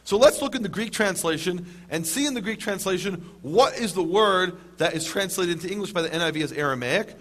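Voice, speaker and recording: A man with a rather high voice lectures a live audience on scripture. He mixes dry jokes into the teaching and slows right down on the words that matter most. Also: lively intonation, a bit bright. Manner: wry, dry humor, emphatic on key words.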